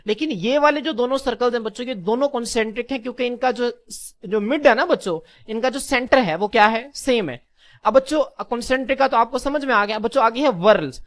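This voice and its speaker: A man teaching a class lesson, calling his listeners children, posing questions and answering them himself, and slowly repeating key terms. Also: very high-pitched, fairly bright tone. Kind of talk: classroom lecture.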